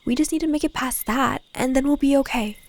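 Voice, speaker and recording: A woman's voice: sits high, fairly quick. A woman playing a protective guide in an audio drama, sensible and dryly exasperated, teasing as she encourages. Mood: focused, cautious.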